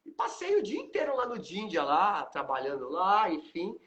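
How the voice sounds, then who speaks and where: Brazilian guy in his 50s, lively up-and-down voice, acts out dialogue while telling stories on a live stream. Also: high-pitched, normal speed. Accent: Brazilian Portuguese. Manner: animated, acts out dialogue, frequent tag questions. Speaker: host, aikido teacher.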